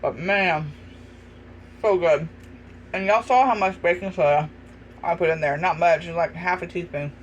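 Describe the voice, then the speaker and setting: A man's voice: on the high side, normal speed, dull audio, slight background noise. A man chatting casually to his viewers while he tastes his baking, sometimes talking with his mouth full. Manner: relaxed, talks while chewing. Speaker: home cooking vlogger.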